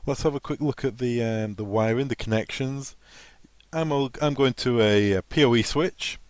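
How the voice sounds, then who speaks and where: With no room sound around him, a man of medium pitch and moderate pace leads a casual technical training session, plainly walking through each step of the software.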